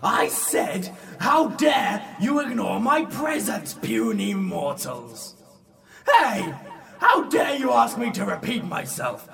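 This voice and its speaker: An actor playing a pompous, easily offended elder demon stuck in a fridge, booming theatrically, sounding distant from the mic. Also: male voice, big pitch swings, takes it slowly, gravelly, fairly bright tone, full character voice. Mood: indignant.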